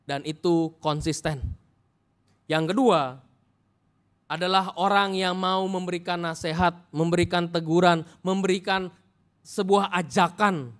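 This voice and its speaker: Animated, joking preacher. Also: male voice, high voice, measured pace, pauses often. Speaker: pastor. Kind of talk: sermon. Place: church.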